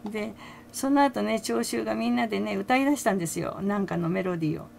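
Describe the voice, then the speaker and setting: A woman's voice: medium pitch, quick pace, gravelly, a little mellow, a little hiss or hum. An older woman chatting casually as a fan commentator, laughing often between her remarks, with many fillers. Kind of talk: casual chat.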